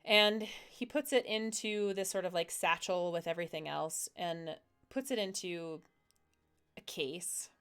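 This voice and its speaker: A woman's voice: on the low side, measured pace, fairly bright tone, clear, resonant tone. A woman narrating as game master in a tabletop game, describing scenes while searching for words.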